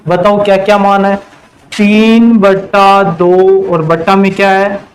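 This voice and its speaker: High-voiced man teaching math, quizzing. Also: level tone, a little hiss or hum, low-quality recording. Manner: quizzing, asks students questions and answers them himself; slows to a drawn-out pace on key terms. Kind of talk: classroom math lesson.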